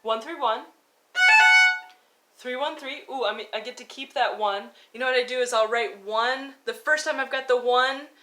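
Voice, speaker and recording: Loud music plays beneath a woman teaching violin, who talks and demonstrates while explaining and counting out fingerings. Her voice is on the high side at a moderate pace, and her coaching is informal and encouraging.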